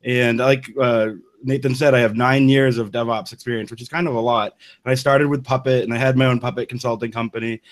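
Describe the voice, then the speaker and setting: A man's voice: medium pitch, steady tone, a little fast. A man speaking as a guest engineer in an interview, enthusiastic and rambling with many restarts. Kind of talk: casual interview talk.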